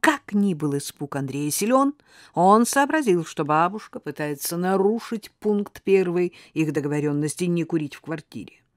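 A woman reading a novel aloud as an audiobook narrator, in a measured, expressive storytelling manner. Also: fairly low pitch, no room sound, studio quality.

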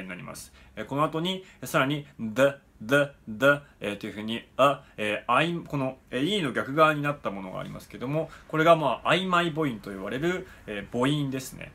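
A man teaching English pronunciation in a lesson, pausing often on "eh" fillers and slowly demonstrating sounds. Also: mid-range voice, sharp tone. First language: Japanese. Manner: frequent "eh" fillers, slow careful demonstrations.

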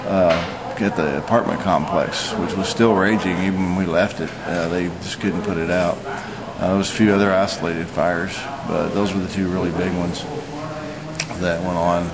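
A man in his forties giving an unscripted, matter-of-fact eyewitness vlog report, speaking haltingly. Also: sits low, fairly even intonation, a loud crowd, rough recording. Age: 40s. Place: hotel lobby, indoors.

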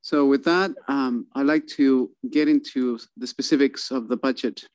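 A man presenting a city budget at a council meeting over a video call, halting with many fillers and restarts. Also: mid-range voice, no echo.

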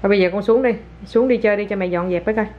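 Chatty mom, lo-fi. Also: female voice, mid-range voice, very fast. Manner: chatty, coaxing and playful, often laughing. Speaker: mother and vlogger. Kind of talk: casual home chat to a toddler and viewers. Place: home, indoors. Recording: dull lo-fi home video with faint noise.

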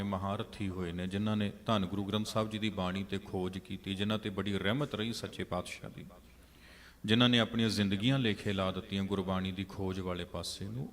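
A man from Punjab giving a sermon on scripture, explaining it word by word and chanting verses slowly. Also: lowish voice, a bit bright, long reverb tail. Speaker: Sikh scripture preacher. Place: large prayer hall.

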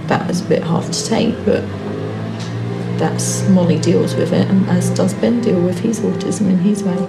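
A woman's voice: fairly low pitch, moderate pace, gravelly, loud music behind the voice, rough recording. A woman in her thirties speaking candidly and reflectively in a small room, feeling her way through her thoughts. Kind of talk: candid documentary interview. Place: small indoor room with plain walls.

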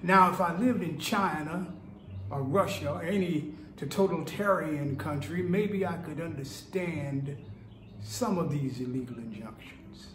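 An older man performing a slow impassioned preacher. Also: fairly high pitch, lightly acted. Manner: slow, oratorical, rising and falling delivery. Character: impassioned male civil rights preacher. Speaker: actor. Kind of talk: dramatic speech performance. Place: small indoor room, tiled wall. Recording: echoey room, faint hiss.

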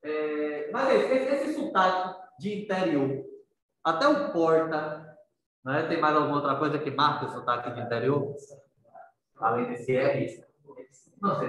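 A man's voice: fairly high pitch, fairly bright tone. A man teaching a class, chatting with his students, asking them questions and often adding "né". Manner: conversational, questions students, frequent tag "né". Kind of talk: interactive writing class on accents. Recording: very echoey room, distant mic.

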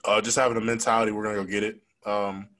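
A young adult man, a college football player, answers reporters frankly after a game, talking fast and conversationally with many fillers. His fairly low voice is a bit bright, with a flat delivery. He speaks into a desk microphone on a stand in a press room with a logo backdrop, and the audio is poor.

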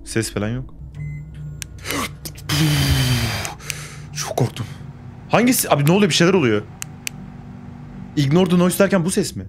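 A man's voice: on the high side, sing-song, fast talker, pauses often, darkish tone, slight background noise. Jumpy young man narrating a horror game. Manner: jumpy, swears and talks back to the game. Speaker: gaming YouTuber. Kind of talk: horror game let's play commentary.

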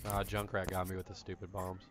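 Low-voiced easygoing young man gaming. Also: completely flat delivery, fairly quick, music in the background. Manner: easygoing, self-deprecating, chatty. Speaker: gamer playing with friends. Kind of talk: casual chat while gaming.

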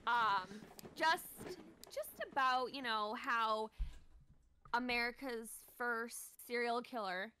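A woman's voice: a little high, slow, sharp tone, slight background noise. A woman co-hosting a podcast in casual chat, giggly and filled with "like"s. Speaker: podcast co-host.

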